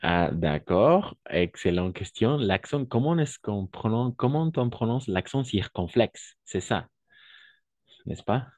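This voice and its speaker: A man's voice: lowish voice, expressive, slow pace, a little mellow, dry recording. A man teaching a French lesson online, patiently repeating examples and often checking that his students follow.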